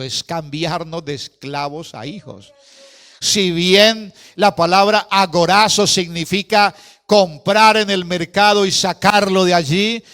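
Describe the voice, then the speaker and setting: A man's voice: sits high, a bit bright. A man preaching a pentecostal sermon, repeating key words and breaking into praise between phrases. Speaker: pastor.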